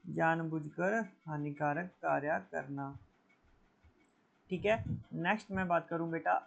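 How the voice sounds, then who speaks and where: A man teaching an exam prep lesson, calling students "beta" and repeating each correction with a quick "theek hai". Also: on the high side, gravelly, a bit bright. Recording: dull lo-fi recording.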